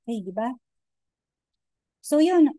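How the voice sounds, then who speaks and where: Woman lecturing online, dark warm voice, chatty taglish, lots of okay? and um. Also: fairly high pitch, very animated, slow, no echo, poor audio. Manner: chatty Taglish, frequent "okay?" and "di ba?" check-ins; many hesitations and restarts.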